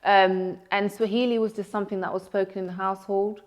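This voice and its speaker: A woman's voice: medium pitch, flat delivery, brisk. A young woman guest chats in an easygoing, conversational way. She often circles back with "like" and "um" as she explains her background. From Netherlands. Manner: chatty, frequent "like" fillers. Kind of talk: casual interview chat.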